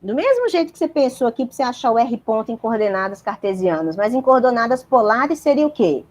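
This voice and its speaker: A woman's voice: on the high side, big pitch swings, fast talker, darkish tone. A woman giving a university physics lecture, explaining step by step and checking in with her students.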